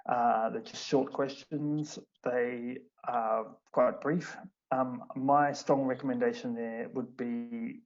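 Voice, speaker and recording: A man's voice: medium pitch, a little mellow. A man, an English teacher explaining things in an online seminar, with many fillers and restarts. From Australia. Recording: muffled online stream with background noise.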